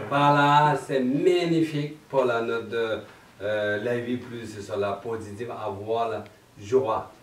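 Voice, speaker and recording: A man with a Tibetan accent introducing a chant evening to an audience in halting, laughing French. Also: mid-range voice. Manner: broken French, slow, laughing often. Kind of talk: halting explanatory talk to an audience. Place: meditation centre hall, indoors. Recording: roomy distant hall mic with faint noise.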